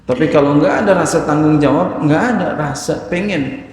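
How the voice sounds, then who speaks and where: A male religious teacher giving a study lecture, reading Arabic phrases and then explaining them in a lively, casual way with jokey asides. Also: fairly high pitch, moderate pace. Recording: very echoey hall, faint noise.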